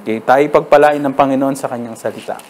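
A man with a Filipino accent preaching a sermon, conversational and peppered with "okay?", reading verses slowly. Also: medium pitch, steady tone, a little mellow, a little hiss or hum. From Philippines.

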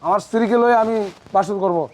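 Man as a stubborn old father, Bangladeshi colloquial accent, high voice, fast and gruff. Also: darkish tone, lightly acted. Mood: defiant. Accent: Bangladeshi colloquial Bengali. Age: 60s. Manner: gruff and defiant, threatens. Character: stubborn sixty-year-old father who remarries.

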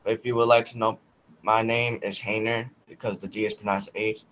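A teenage boy answering on a student panel in a confident, deliberate way. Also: on the low side, level tone, fairly bright tone, a little hiss or hum, low-quality recording. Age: teens.

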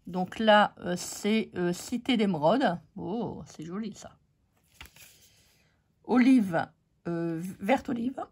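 French woman, voice going hoarse, casual crafting host talking to her viewers. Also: mid-range voice, slow pace, pauses often, a little mellow. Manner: chatty, many fillers, talks to viewers. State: losing her voice. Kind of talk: casual craft haul chat.

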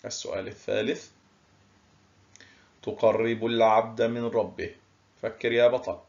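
A male primary school teacher giving a recorded lesson, stretching key words slowly and praising his pupils often. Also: on the low side, little pitch movement, gravelly, darkish tone, lo-fi sound. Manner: slow, drawn-out word stress, praising pupils.

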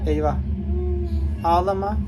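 A man's voice: high-pitched, fairly even intonation, unhurried, noisy background. A man hosting a reaction video, laughing, cooing and pleading at the funny clips he watches. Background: music from the clips.

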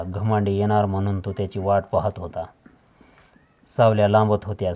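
A man narrating a novel in a steady, measured storytelling manner. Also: fairly low pitch. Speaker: audiobook narrator. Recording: dull lo-fi audio.

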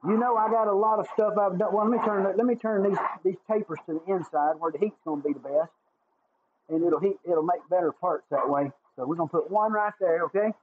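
A man's voice: high-pitched, fairly quick. A man with a Southern accent casually chatting on a livestream while he builds a guitar, folksy and thankful toward his viewers. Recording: tinny phone-like sound with faint noise.

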